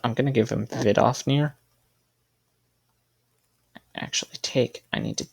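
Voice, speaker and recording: This gaming video creator has a lowish voice with vocal fry. He gives casual gameplay commentary, thinking out loud while building a team and correcting himself along the way.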